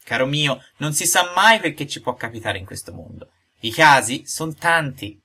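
A man voicing a patient, kindly old father who lectures gently in a storybook reading. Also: on the high side, animated, moderate pace, slightly rough, voice pushed up, heavily acted.

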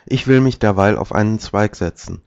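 A man voicing a vengeful little male sparrow in a storybook tale, calling out shrill threats, on a dull, dry recording. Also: moderate pace, vocal fry, a little mellow, smooth, no echo. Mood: friendly.

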